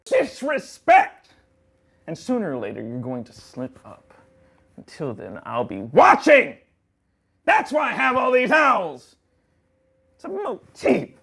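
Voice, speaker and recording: An actor playing a petty, pompous, vindictive office boss who scolds melodramatically in a comedy drama. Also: male voice, mid-range voice, animated, moderate pace, vocal fry, darkish tone. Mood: menacing, ranting. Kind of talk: comedic audio-drama dialogue.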